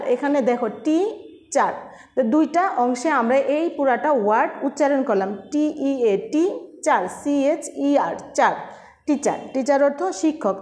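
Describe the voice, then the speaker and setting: A woman from Bangladesh teaching a recorded online class, slow and patient, spelling words out letter by letter. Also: high-pitched, a little mellow.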